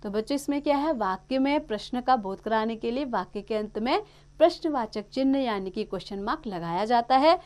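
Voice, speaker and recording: A woman's voice: fairly high pitch, animated, brisk, a little mellow. A woman teacher explaining a grammar lesson to young children, patient and step by step.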